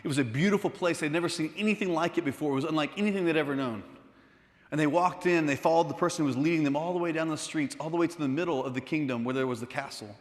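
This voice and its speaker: A man telling a lively story to students in a conversational way, with asides to his listeners. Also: on the high side, racing. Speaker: speaker. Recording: echoey hall.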